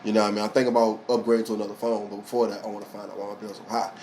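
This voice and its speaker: A man's voice: lowish voice, little pitch movement, racing, darkish tone, slight background noise. A man co-hosting a podcast, rambling through stories in casual, profane slang. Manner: rambling anecdotal storytelling. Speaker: podcast co-host. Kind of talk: casual chat.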